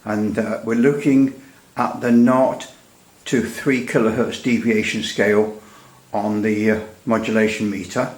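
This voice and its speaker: A man with a fairly low, darkish voice and flat, somewhat slow delivery shows off a radio repair at his workbench indoors. His unscripted talk is rambling and halting, with dry humour, recorded in an echoey room.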